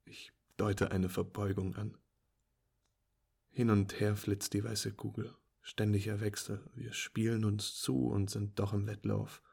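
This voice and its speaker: A man narrating a story in the first person, in a calm, wry manner. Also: on the low side, unhurried, vocal fry, slightly rough.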